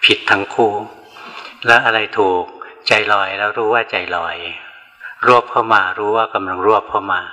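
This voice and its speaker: A man's voice: on the low side, steady tone, moderate pace, bright, forceful tone, in a large hall, low-quality recording. An older male Buddhist monk giving a dharma talk, telling stories plainly and answering questions from the audience. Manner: plain storytelling, frequent "na" tag.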